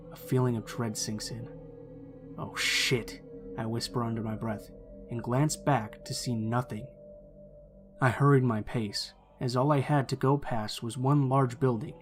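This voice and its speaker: A man with a mid-range voice narrates a true scary story for his channel, reading it aloud in a steady, measured storytelling style.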